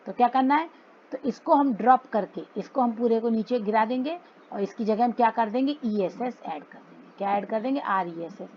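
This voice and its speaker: A woman's voice: a little high, moderate pace, lo-fi sound, a little hiss or hum. A woman teacher explaining grammar to schoolchildren, mixing Hindi and English and repeating words for them to memorize.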